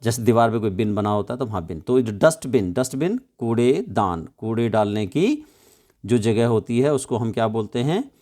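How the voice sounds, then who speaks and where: A man's voice: medium pitch, expressive, moderate pace, dark tone. A man teaching children English in Hindi, spelling out words letter by letter and explaining each one patiently with frequent check questions.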